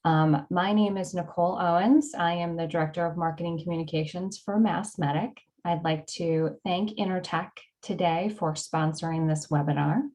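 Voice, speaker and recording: A woman's voice: on the low side, fairly even intonation, normal speed, hardly any pauses, a little mellow, poor audio. A woman opening a webinar as host, upbeat and friendly, with frequent ums. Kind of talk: scripted webinar introduction.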